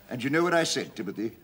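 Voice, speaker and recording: A man's voice: medium pitch, fairly bright tone. A chuckling, rambling old father. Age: older. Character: boastful old father, fond of war stories. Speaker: father in a sitcom. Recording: studio audience laughter.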